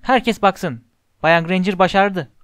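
A man's voice: big pitch swings, quick pace, darkish tone, dry recording, studio quality. A man doing a fussy little old wizard teacher. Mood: delighted. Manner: shrill, drilling instructions. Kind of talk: audiobook character voice.

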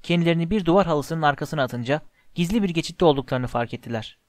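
A man's voice: fairly high pitch, expressive, fast talker, a little mellow, no room sound. Man reading a story, dry close sound. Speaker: audiobook narrator. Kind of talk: scripted storybook narration.

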